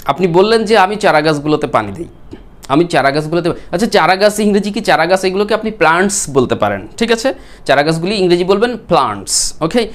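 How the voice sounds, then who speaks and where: A man's voice: high-pitched, expressive. Bengali-accented male English teacher, patient. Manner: explains patiently, repeating words slowly and asking the viewers questions. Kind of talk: spoken English lesson.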